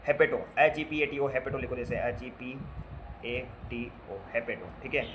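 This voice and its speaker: This man's voice is mid-range and slightly bright, with fairly even intonation at a normal speed, over slight background noise. He is giving nursing students a relaxed lecture on basic medical terminology. He spells out word parts, repeats them, and quizzes his students with playful remarks.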